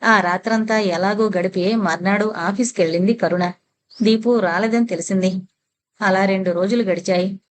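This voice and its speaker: A woman narrates a serialized audio novel in a steady, measured way. Her voice sits in an ordinary middle pitch for a woman.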